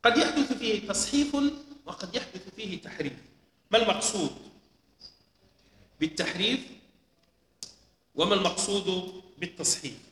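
A man teaching a lesson, explaining slowly and deliberately, repeating key points. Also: high voice, pushed and bright, a little hiss or hum. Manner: slow, deliberate explaining with repetitions. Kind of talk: lecture on hadith transmission. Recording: echoey hall with long reverb.

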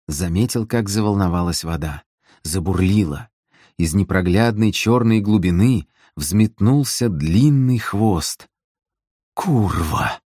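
A man narrating an audiobook in a measured, dramatic storytelling manner. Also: fairly low pitch, mellow, dry recording, clean studio sound. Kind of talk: scripted narration.

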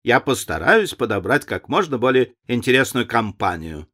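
A man's voice: medium pitch, big pitch swings, moderate pace, pushed and bright. A man voicing a chatty old society lady who loves matchmaking, gushing and emphatic.

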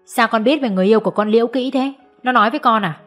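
A woman's voice: on the high side, very fast, soft background music, close to an everyday voice. Woman voicing a stern, caring mother. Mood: scolding. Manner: scolding, then soft and coaxing. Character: stern but loving middle-aged mother. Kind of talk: audiobook character voice.

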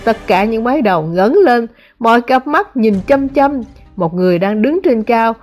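A woman narrating a translated novel as an audiobook, in a measured, dramatic reading. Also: fairly high pitch, animated, faint music behind. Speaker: audiobook reader.

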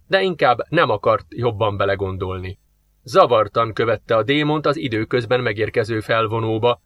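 A man narrating a science-fiction novel as an audiobook reader, in measured storytelling. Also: mid-range voice, fairly bright tone, dull audio. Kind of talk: scripted narration.

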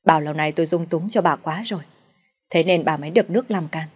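A woman voicing an older, hot-tempered husband who shouts threats at his wife. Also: deep voice, quick pace, breathy edge. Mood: angry.

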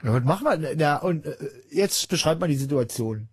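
A man's voice: a little high, expressive, a little fast, darkish tone, slightly rough, no room sound. A man hosting a call-in radio show, rambling and joking with lots of fillers.

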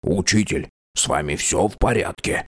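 A man voicing an eager, bold young male apprentice in an audiobook reading, with slow, enthusiastic speech. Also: low voice, husky, no echo.

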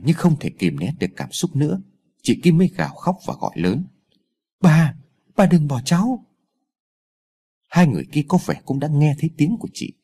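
A man narrates a ghost story with a dramatic, expressive delivery. His voice is warm and husky, and his pitch moves in lively swoops.

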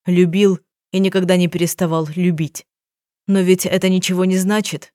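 A woman's voice: lowish voice, flat delivery, normal speed, darkish tone, dry recording, clean studio sound, lightly acted. A woman reading the lines of a grieving, remorseful young husband who keeps exclaiming in an audiobook. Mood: anguished. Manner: agitated, exclaiming. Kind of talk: audiobook dialogue.

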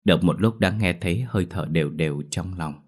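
A man narrating a ghost story in a steady, measured reading. His voice sits very low and deep. The telling stays even and scripted throughout. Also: breathy edge.

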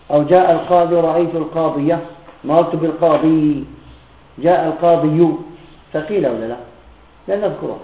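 A man teaches a classroom grammar lesson, pausing often to ask whether his students follow. His voice sits a little high. The recording is tinny and phone-like, with a roomy echo. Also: slight background noise. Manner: keeps checking students' understanding with questions; repeats example phrases slowly. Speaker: Islamic teacher. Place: room with students present.

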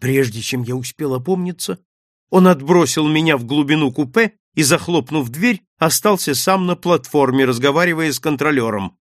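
Sex: man. Role: audiobook narrator. Style: dramatic first-person narration, lively and rather high. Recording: dry. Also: moderate pace, dry recording. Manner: expressive, dramatic storytelling.

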